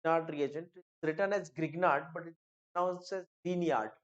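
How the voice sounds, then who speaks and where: An Indian woman with a lowish voice lectures on chemistry, going through each step and repeating the key points, often pausing to ask her students if they follow. The recording sounds dull and muffled. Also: fairly even intonation. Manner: explains step by step, repeats key phrases, asks "okay?" and "clear?". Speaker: chemistry teacher. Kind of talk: classroom lecture mixing Hindi and English.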